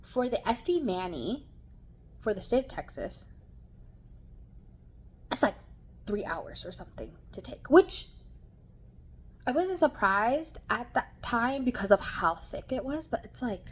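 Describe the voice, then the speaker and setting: A woman's voice: a little high, big pitch swings, measured pace, pauses often, breathy edge. A young woman chatting casually in a mukbang vlog, rambling and talking with her mouth full. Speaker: vlogger.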